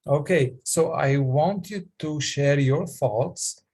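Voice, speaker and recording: A man coaching public speaking on a video call, talking haltingly with many fillers and restarts. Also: on the high side, darkish tone, slightly rough. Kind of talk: online coaching session.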